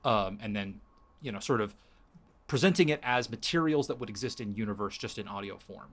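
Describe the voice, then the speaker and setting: Chatting casually with his co-hosts, a man on a podcast floats possible stories, restarting his thoughts frequently as he works them out. His delivery is expressive and a bit quick, with a slightly bright tone.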